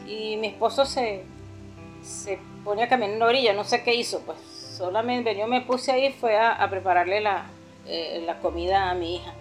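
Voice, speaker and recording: A woman's voice: medium pitch, normal speed. Venezuelan woman, middle-aged, telling her church testimony all earnest and heartfelt, faint music behind. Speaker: pastor's mother-in-law giving a testimony.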